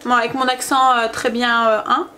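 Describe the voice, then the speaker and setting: A woman's voice: fairly high pitch, little pitch movement, normal speed, sharp tone, slight background noise. A woman, a mother and family vlogger, chatting casually to camera from her home kitchen in a rambling way, full of hesitations.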